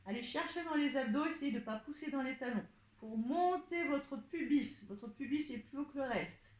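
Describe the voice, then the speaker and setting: A woman teaching a pilates class, calmly cueing each breath and movement step by step. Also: high-pitched, moderate pace. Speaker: pilates instructor. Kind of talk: guiding an exercise class. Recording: echoey room.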